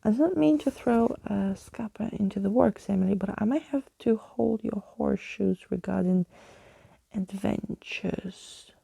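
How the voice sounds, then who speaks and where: A woman's voice: medium pitch, measured pace, gravelly, dark tone, slightly rough, dry recording, full character voice. A woman voicing a flamboyant, old-fashioned male skeleton adventurer from a storybook, speaking in florid exclamations. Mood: apologetic, earnest.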